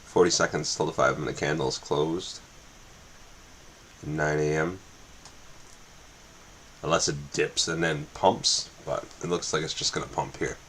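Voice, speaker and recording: A man's voice: extremely low pitch, steady tone, unhurried, long pauses, a bit bright, slight background noise. A man streaming his live trading session, muttering and repeating himself as he watches the chart, on a makeshift microphone. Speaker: day trader streaming live. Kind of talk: live trading commentary, thinking aloud. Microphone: makeshift or built-in mic, not a proper microphone.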